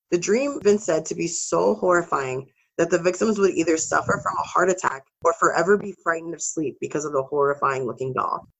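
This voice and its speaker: A woman's voice: lowish voice, vocal fry, husky, low-quality recording. A woman co-hosting a podcast, telling spooky stories in a casual, swearing, joking way. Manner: casual, swears, laughs between story beats. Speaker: podcast co-host. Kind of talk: casual storytelling podcast chat.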